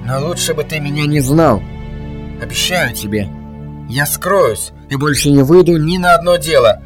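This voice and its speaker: A male narrator voicing a weary masked agent whose words come out metallic and altered through a helmet voice changer. He speaks in a calm, measured way, with a tone fairly high for a man. Faint music sits under the reading. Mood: earnest. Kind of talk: audiobook character voice.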